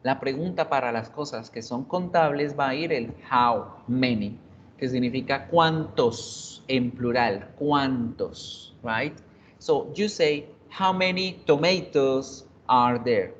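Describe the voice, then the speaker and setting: A woman teaches basic English over a video call, explaining slowly and patiently. Her audio is dull and lo-fi, with faint hiss behind it. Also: rumbling low. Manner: explains patiently, mixing Spanish and English, checks in with "right?" and "¿sí?". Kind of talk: online class lecture. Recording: dull lo-fi online class audio.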